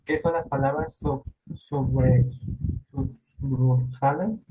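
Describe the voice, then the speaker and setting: Slow, husky man reading aloud. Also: mid-range voice, steady tone, warm tone, poor audio. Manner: reads slowly, stumbles over words. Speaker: student.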